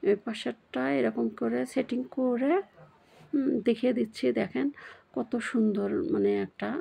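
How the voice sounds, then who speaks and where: Woman doing a sewing lesson, husky gravelly voice, lots of um and "okay?". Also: on the high side, fairly even intonation, normal speed, warm tone. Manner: hesitant, lots of fillers and check-ins. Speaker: sewing tutor. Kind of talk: casual sewing tutorial.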